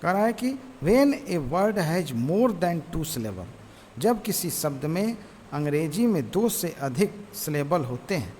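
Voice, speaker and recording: Male teacher, slightly high voice, reads lines out word by word; reverberant room, faint hiss. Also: big pitch swings, a little mellow. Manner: reads English lines slowly word by word, then explains, repeating "ठीक है". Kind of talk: teaching lesson, reading English text aloud and explaining in Hindi. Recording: roomy reverb with faint noise.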